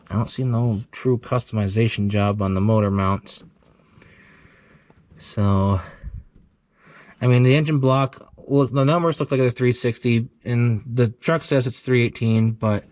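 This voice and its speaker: A man's voice: medium pitch, measured pace, long pauses, darkish tone. Rambling man musing about an old truck. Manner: rambling, thinking aloud with many fillers. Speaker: channel host. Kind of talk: casual vlog commentary.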